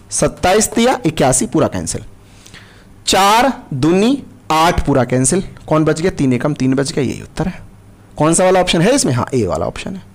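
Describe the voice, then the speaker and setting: A man teaching a live online maths class, patient and coaxing, repeating each step and checking that his students follow. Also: sits high. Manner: addresses students as kids, coaxing.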